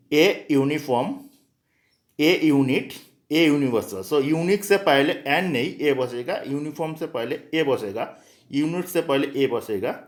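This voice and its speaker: A male teacher explains grammar rules for exam students, repeating example words one by one. His voice sits a little high. He speaks slowly and patiently.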